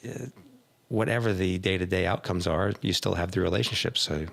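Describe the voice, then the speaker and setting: A middle-aged man, an executive coach hosting a casual talk, who tells animated stories and acts out his clients' voices. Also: low-pitched, brisk, creaky. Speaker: executive coach, podcast host. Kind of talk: casual conversation.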